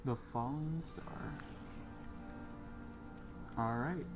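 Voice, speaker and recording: A male gamer comments casually on his playthrough. His voice is medium in pitch, with an offhand, joking manner. Loud game music runs behind him. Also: extremely slow.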